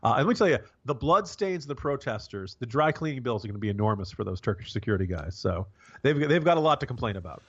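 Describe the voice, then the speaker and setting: A man's voice: medium pitch, sing-song, fairly bright tone. Wry American man, slightly dull lo-fi sound. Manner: halting, rambling, wry and sarcastic. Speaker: podcast co-host and political commentator. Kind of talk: casual wry political commentary.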